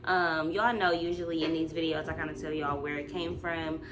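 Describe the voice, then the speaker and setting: A woman's voice: low-pitched, fairly even intonation, moderate pace, background noise. A woman in her twenties talking casually and confessionally to her viewers, informal and slangy, hesitating as she looks for words. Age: 20s. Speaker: vlog host. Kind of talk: casual confessional chat to camera. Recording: loud music behind the voice.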